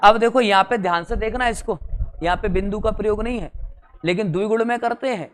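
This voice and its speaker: A man's voice: sits high, fairly quick, a bit bright. A male teacher giving an exam-prep grammar lesson, drilling syllables in chanted rows, joking along the way and repeating "theek hai" often.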